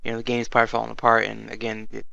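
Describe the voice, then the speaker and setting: Bright, gravelly man chatting about anime. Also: on the low side, monotone, very fast, no room sound, highs cut off. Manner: chatty, laughs often, quotes characters. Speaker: anime review co-host. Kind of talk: casual review chat.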